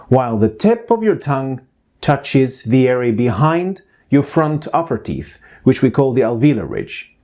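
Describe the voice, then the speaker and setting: A man giving a pronunciation lesson as a teacher, saying sounds and words slowly, clearly and with deliberate care. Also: medium pitch, dark tone.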